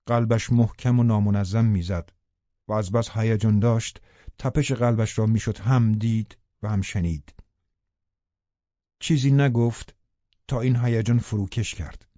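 A male narrator reading a classic novel in a measured, steady way. His voice is mellow and dark-toned. It comes across a dry, slightly muffled audiobook recording. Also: lowish voice, no echo. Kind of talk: scripted literary narration.

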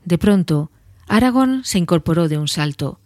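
A woman narrating a fantasy novel in a measured audiobook reading. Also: lowish voice, animated, a little mellow, no echo, studio quality.

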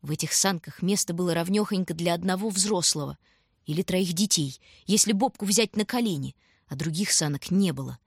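A woman reading a story aloud in scripted, measured and dramatic narration. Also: fairly low pitch, husky, no room sound, studio quality. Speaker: audiobook reader.

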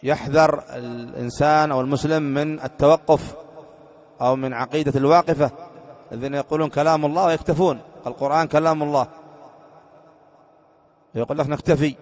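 A man's voice: a little high, fairly even intonation, a little fast, pauses often. A religious teacher from Yemen, explaining a creed text in a lecture and often posing rhetorical questions to his listeners before answering them. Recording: dull lo-fi lecture recording.

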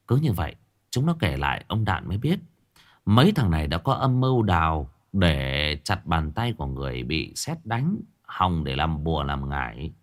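Telling a ghost story, a man speaks with dramatic expression, his fairly low voice lifting and dipping with liveliness.

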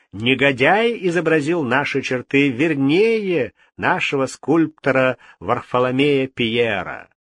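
A man's voice: mid-range voice, a bit bright, no echo, full character voice. A man playing a cold, haughty king. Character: vain, cold, easily frightened male king.

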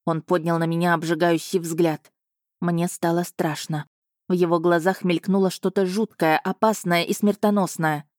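Female audiobook narrator, low and measured, dry booth sound. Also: level tone, darkish tone, dry recording. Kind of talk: first-person audiobook narration.

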